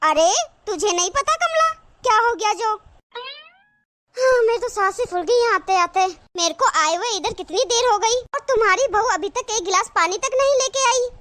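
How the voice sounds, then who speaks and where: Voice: very high voice, expressive, normal speed, sharp tone, exaggerated voice. A voice actor playing a meddlesome, dramatic neighbor woman who gossips breathlessly in a cartoon. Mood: gossiping. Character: gossiping busybody neighbor woman, middle-aged. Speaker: cartoon character. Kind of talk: cartoon voice acting.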